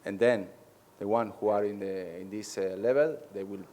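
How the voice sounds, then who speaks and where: Speaking English haltingly with many pauses, an Argentine head coach whose native tongue is Spanish responds to reporters. His tone is dark and steady, and his voice sits on the low side.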